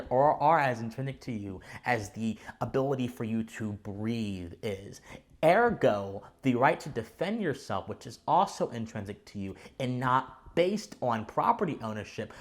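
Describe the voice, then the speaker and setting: A man hosting a commentary channel, explaining to viewers in a didactic, formally worded way with emphatic stress on key words. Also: mid-range voice. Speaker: host of a political commentary channel.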